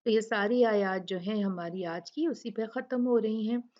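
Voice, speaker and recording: A woman teaching recitation rules in a patient way. She repeats words slowly and explains each rule with examples. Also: mid-range voice, dark tone, highs cut off. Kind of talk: tajweed lesson with recited examples.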